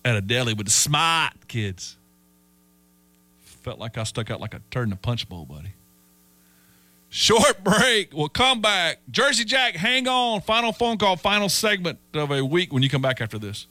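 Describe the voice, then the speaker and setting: A man's voice: fairly high pitch, moderate pace. A man hosting a sports talk show, telling stories and acting out quoted voices. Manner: animated storyteller, acts out quoted voices. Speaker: sports radio host.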